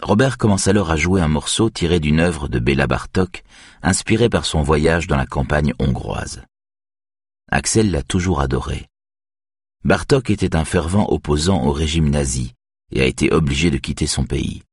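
A man calmly narrating an audiobook in an even reading voice. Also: a bass voice, normal speed, breathy edge, dry recording, clean studio sound. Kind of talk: scripted narration.

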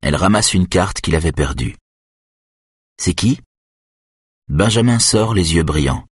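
Deep husky male story reader. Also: expressive, normal speed, dry recording, studio quality. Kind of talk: reading a novel aloud.

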